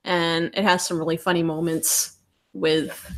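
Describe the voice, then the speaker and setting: A woman co-hosting a live stream chat, speaking casually with halting, hesitant phrasing. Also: lowish voice, level tone, a bit bright. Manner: hesitant, halting, many fillers. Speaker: co-host of a live stream discussion.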